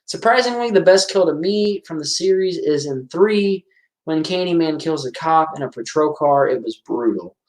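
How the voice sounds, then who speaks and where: A man's voice: on the high side, lively intonation, normal speed. Chatty man in a roomy room. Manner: rambling, chatty, self-correcting. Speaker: host of a movie commentary stream. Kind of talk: casual live-stream movie commentary. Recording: roomy echo.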